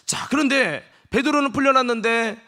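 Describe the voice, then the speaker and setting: A high-voiced man preaches a Sunday sermon in a church, bringing the scripture alive by acting out each character's lines. He swings between loud calls to the congregation and quiet, close asides. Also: normal speed. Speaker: senior pastor. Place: church sanctuary.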